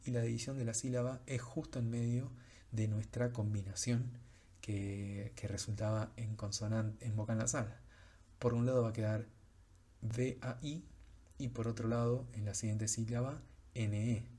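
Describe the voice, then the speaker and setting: A man's voice: fairly low pitch, level tone, moderate pace, warm tone. A man teaching French pronunciation in a recorded lecture, explaining patiently with frequent fillers.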